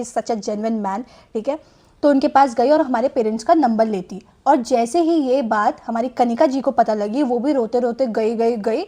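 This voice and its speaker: A young woman tells a personal story in a relaxed, chatty vlog style. Her voice sits high. She drops English phrases into her speech and keeps adding small fillers as she goes. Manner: chatty, mixes Hindi with English phrases, frequent "theek hai" fillers. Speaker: storytime vlogger. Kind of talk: casual storytelling monologue.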